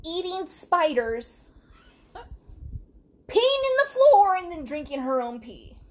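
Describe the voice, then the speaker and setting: A woman's voice: very high voice, very animated, takes it slowly. A woman co-hosting a casual podcast, telling a true story in a chatty way, laughing and acting out quotes. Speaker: podcast co-host.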